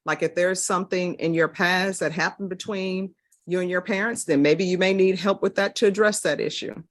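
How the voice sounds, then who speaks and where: A woman presiding as judge in a courtroom recording, putting formal questions in a brisk, businesslike way. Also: lowish voice, steady tone. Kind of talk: formal plea hearing questioning.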